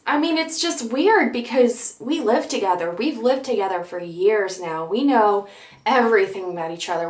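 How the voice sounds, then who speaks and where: A young woman vlogger excitedly telling a personal story, giggly and bubbly, acting out both sides of a conversation. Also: fairly high pitch. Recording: echoey room.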